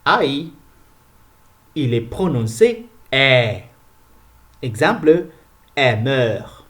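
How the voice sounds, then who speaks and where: Slow, deliberate male pronunciation teacher. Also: medium pitch, very animated, fairly bright tone. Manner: repeats each sound slowly and clearly.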